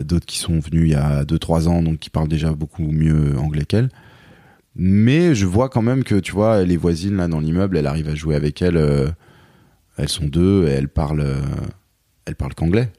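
Man, very deep, halting with fillers. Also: dark tone, no room sound, studio quality. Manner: hesitant, many fillers and restarts. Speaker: guest, songwriter and performer. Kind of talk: casual interview chat.

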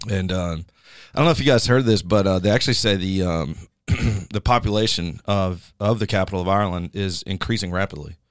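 A man's voice: sits low, fairly quick, hardly any pauses, smooth, no room sound, studio quality. A middle-aged man hosting a casual podcast chat, joking and rambling, with a habit of telling puns.

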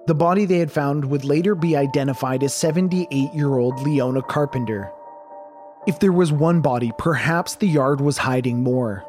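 A man narrating a true crime story in a measured, dramatic scripted style. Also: a little high, a little mellow.

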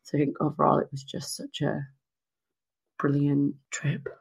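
A woman co-hosting a podcast, chatting casually and telling a lively story, acting out the voices of the people in it. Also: deep voice, moderate pace, creaky, breathy edge. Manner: animated storytelling with quoted voices. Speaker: podcast co-host. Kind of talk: casual chat.

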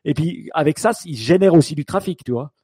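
A man's voice: fairly high pitch, animated, brisk, mellow, breathy edge, dry recording. A man co-hosting a podcast in casual chat, thinking aloud with many restarts and fillers. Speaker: podcast co-host.

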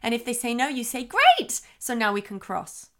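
A woman with a slightly high, gravelly voice talks through parenting advice on her podcast. She explains things calmly and plainly, and slips into the words she would say to her small daughter. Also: brisk. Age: adult, parent of a young daughter. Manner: calm, explanatory, acts out what she says to her child. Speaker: parenting podcast host, child development expert.

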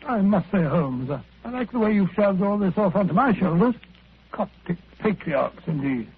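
An actor playing an earnest, good-natured doctor companion who talks chattily and a little hesitantly, in 1940s radio acting. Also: male voice, sits high, lively intonation, normal speed, breathy edge, full character voice. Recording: tinny old radio broadcast.

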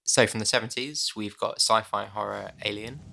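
A man's voice: on the low side, fairly even intonation, normal speed, vocal fry, noisy background. A man co-hosting a casual podcast, laid-back and self-mocking, chuckling often. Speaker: podcast co-host. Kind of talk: casual chat.

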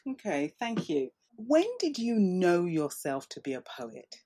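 Husky-voiced woman interviewer. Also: fairly low pitch, sing-song, warm tone. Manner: measured, encouraging. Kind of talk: interview questions.

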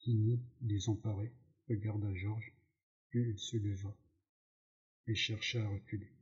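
Male audiobook narrator, plain reading with stumbles, dark mellow voice, slow. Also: lowish voice, little pitch movement. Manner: slow reading with slips and self-corrections. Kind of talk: reading a novel aloud. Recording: dull lo-fi recording.

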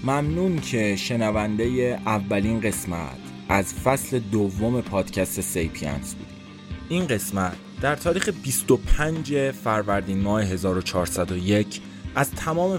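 A man's voice: on the low side, animated, music in the background. Man narrating a tense first-person story. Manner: tense, introspective inner monologue, slow and dazed at times. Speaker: writer and narrator of the podcast.

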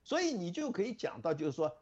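Man musing on a lo-fi line, husky, pitch all over the place. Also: quick pace. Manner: animated, musing, with fillers. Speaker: interviewed scholar. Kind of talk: phone interview commentary.

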